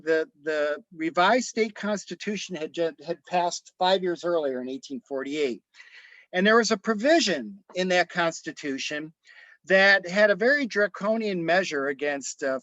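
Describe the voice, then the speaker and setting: A man lectures on history in a storytelling way, stopping often for ums and restarting his sentences. His voice sits a little high. The sound is dry and somewhat dull, like a lo-fi video call microphone. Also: fairly bright tone, no echo. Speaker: author and presenter.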